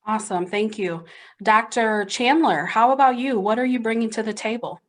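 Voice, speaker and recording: A woman's voice: on the high side, moderate pace. Upbeat woman moderating a video panel. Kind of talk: formal panel introduction.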